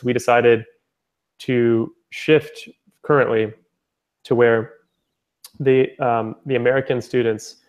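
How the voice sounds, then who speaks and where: A young man explaining something in a loose, rambling way, full of fillers and self-corrections. His voice sits at an ordinary middle pitch and stays very flat, with little rise or fall. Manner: rambling, with many fillers and restarts. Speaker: founder presenting his language-exchange platform. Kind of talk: casual spoken presentation.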